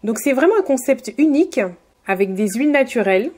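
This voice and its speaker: Animated and slightly fast, her high voice has a slightly mellow quality. This beauty vlogger voices a casual tutorial, friendly and hesitant, speaking straight to viewers with many fillers and restarts.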